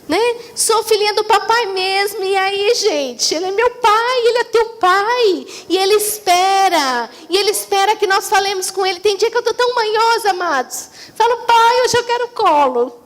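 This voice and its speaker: A Brazilian woman pastor preaching a chatty, humorous sermon, often calling the congregation "beloved". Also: very high voice. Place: church sanctuary. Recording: church hall reverb.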